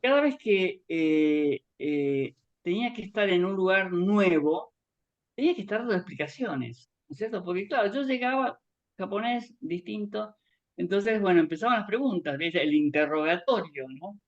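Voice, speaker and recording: A middle-aged man, born in Japan and raised in Argentina, speaks in a high, expressive voice at a moderate pace. As a guest author giving a testimony in an online talk, he reminisces in a rambling way and acts out remembered dialogue. The call audio is dull and lo-fi.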